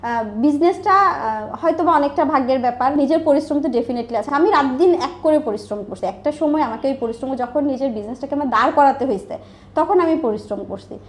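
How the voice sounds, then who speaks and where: An online business owner with a Bangladeshi accent, appearing as a guest in a conversational interview, speaks candidly and emphatically while mixing in English words. Her voice sits high and is expressive, and she talks a little fast.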